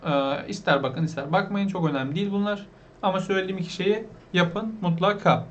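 A man's voice: sits high, fairly quick, fairly bright tone, a little hiss or hum. A man teaching an online English lesson, patiently repeating words and asking his viewers questions.

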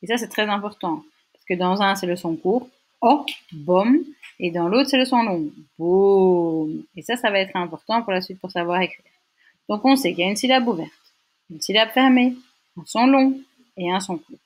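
A woman's voice: medium pitch, brisk. A young woman teaching a language lesson, patiently sounding out syllables and checking in often with her listeners. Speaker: Dutch teacher. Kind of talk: explanatory lesson.

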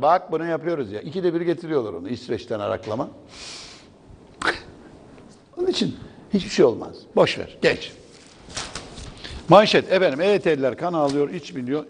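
Man, sarcastic morning news commentary, gravelly, husky, lively pitch. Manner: sarcastic, mocking. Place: TV studio.

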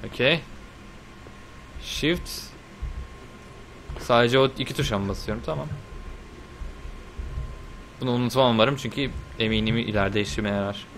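A young man giving casual, chatty commentary while playing a video game, talking to the game and swearing lightly with sudden excited outbursts. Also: mid-range voice, normal speed, long pauses, slight background noise. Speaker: gameplay video host. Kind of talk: casual let's-play commentary.

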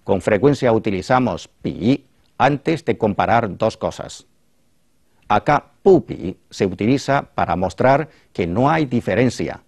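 A man hosting a language lesson, calmly explaining phrases and translating them. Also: fairly low pitch, unhurried, creaky, slightly rough, no room sound, studio quality. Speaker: language teacher and host. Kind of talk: explaining Chinese to a Spanish-speaking audience.

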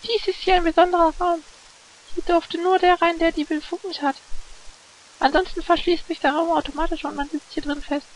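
A man voicing a calm, practical young woman in a high falsetto, reading game dialogue aloud. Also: brisk, poor audio. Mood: calm, matter-of-fact.

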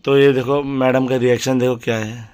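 A man's voice: medium pitch, little pitch movement, normal speed, a little mellow, clean tone. A man hosting a casual family vlog, chatty and coaxing a pet cat. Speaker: vlogger.

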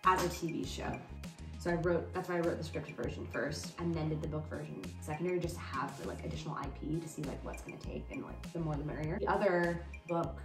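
Fast and low, with vocal fry and fairly even intonation, this young adult woman chats in a home vlog. As an audio drama writer and producer, she gives updates indoors. Background music plays under a roomy echo.

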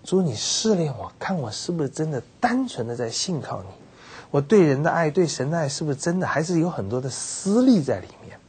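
A man pastor with a Taiwanese Mandarin accent giving a Bible teaching lecture, telling the story with animated quoted voices. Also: fairly quick, breathy edge. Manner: animated storytelling, acts out quoted characters with sudden pitch jumps. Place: television studio.

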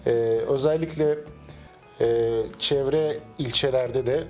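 Measured middle-aged man, cafe owner. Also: mid-range voice, fairly even intonation, soft background music. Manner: measured, with frequent hesitation fillers. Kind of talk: business interview. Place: small cafe indoors. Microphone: handheld interviewer mic.

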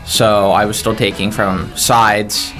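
A young man answering interview questions in a matter-of-fact, measured way. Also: fairly low pitch, level tone, bright, forceful tone, soft background music. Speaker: music school student, drummer.

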